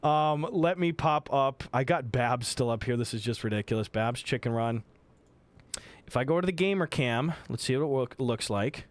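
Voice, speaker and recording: Live-streaming from home, a man with a mid-range voice rushes through a wild story, excitable and profane. He tosses in quick voices for the other people in it.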